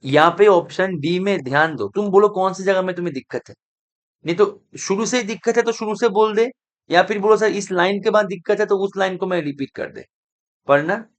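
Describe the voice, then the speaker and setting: A middle-aged man gives a math exam-prep lecture in a fairly high voice. He explains step by step and deliberately, calls his students "beta", and keeps asking whether it is clear. He drops English math terms and a few other words into his talk. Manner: mixes Hindi with English math terms and some Bengali; speaks slowly and deliberately at times. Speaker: math teacher.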